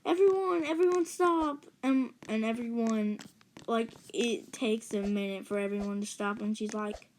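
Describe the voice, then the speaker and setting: A woman's voice: medium pitch, little pitch movement, normal speed, darkish tone, slight background noise, rough recording. A woman casually telling a personal story while playing a game, rambling and chatty, with gasps for effect. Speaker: gaming channel storyteller. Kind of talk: casual story narration over gameplay.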